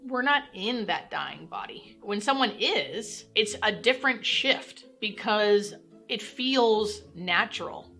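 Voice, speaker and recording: A woman's voice: medium pitch, expressive, slow, creaky, fairly bright tone, faint music behind. A woman speaking as a nurse educator in an explanatory talk, plain-spoken and reassuring, stressing her key words. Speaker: hospice nurse and educational presenter.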